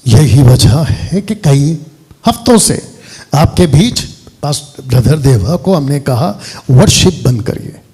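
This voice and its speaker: A man's voice: fairly high pitch, darkish tone, breathy edge. A man preaching a sermon as pastor, directive, often breaking off to give instructions. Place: church hall.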